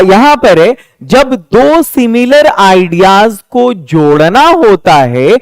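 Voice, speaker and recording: A young man teaching a spoken English lesson, patiently explaining and slowly repeating example sentences. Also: sits high, dry recording.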